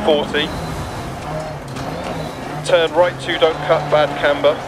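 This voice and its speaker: Loud engine and tyre noise surrounds a focused male rally co-driver in a racing game. He calls rapid pace notes in a slightly high voice. The phrases are clipped, businesslike and urgent. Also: little pitch movement. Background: racing car engine, gravel and tyre noise.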